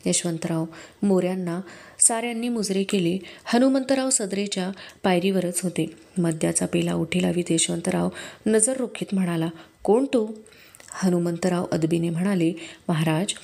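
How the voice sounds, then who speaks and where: Mellow-voiced woman reading a novel. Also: lowish voice, normal speed, vocal fry. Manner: steady storytelling. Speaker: audiobook reader. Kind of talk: scripted narration of a historical novel.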